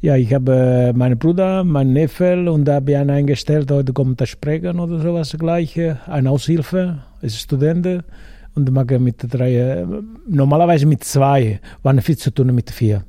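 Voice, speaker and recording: Italian man, halting broken German. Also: fairly high pitch, warm tone, no echo, studio quality. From Italy. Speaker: pizza stand owner, guest. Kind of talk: casual interview chat.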